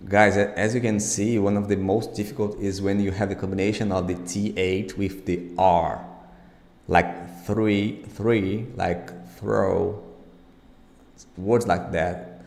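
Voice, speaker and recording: A man's voice: low-pitched, little pitch movement, moderate pace, a little mellow. A man, a non-native English speaker, teaching pronunciation informally and reassuringly, with exaggerated, emphatic articulation of sounds. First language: not English. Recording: echoey, reverberant room.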